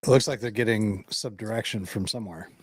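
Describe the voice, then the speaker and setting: A man's voice: on the low side, quick pace, husky, no echo. A man co-hosting live coverage remotely, talking casually with a reporter in the field. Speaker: livestream co-host.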